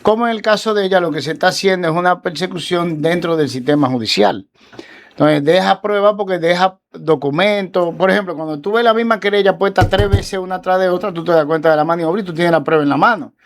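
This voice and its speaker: Speaking fast in a high voice, a lawyer on a talk show relates a case in a lively, relaxed manner and performs the lines of dialogue himself.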